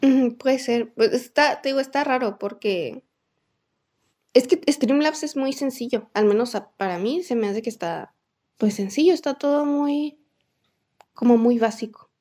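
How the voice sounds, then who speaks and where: A woman's voice: on the high side, normal speed, mellow. A young Mexican woman co-hosting a podcast, telling stories animatedly, acting out quotes and laughing often. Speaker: podcast co-host. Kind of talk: casual chat.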